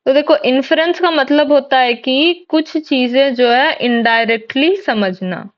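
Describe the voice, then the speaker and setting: A woman's voice: sits high, slow, highs cut off. A woman teaching an exam-prep lesson, explaining step by step and asking and answering her own questions. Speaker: English teacher.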